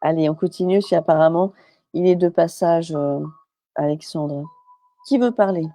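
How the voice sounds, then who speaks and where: Chatty French woman medium, mellow voice. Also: fairly low pitch, normal speed, no room sound, soft background music. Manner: chatty, hesitant, many fillers and restarts; relays messages as quoted speech. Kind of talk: live stream reading.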